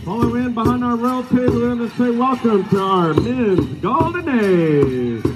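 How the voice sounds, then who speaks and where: A man's voice: very high-pitched, animated, unhurried. A man announcing live as master of ceremonies at an outdoor powwow, addressing dancers in a ceremonial manner over a PA. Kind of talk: live event announcing over drumming and singing. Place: large outdoor grass arena, picked up by spectator camera. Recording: outdoor PA behind loud music. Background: loud powwow music, jingling bells.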